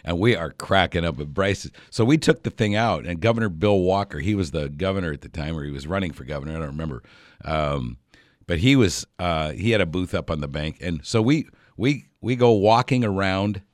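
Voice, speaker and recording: A man's voice: low voice, lively intonation, a little fast, dry recording, studio quality. A man hosting a radio outdoors show, telling a rambling story with lots of fillers and chuckles. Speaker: radio host.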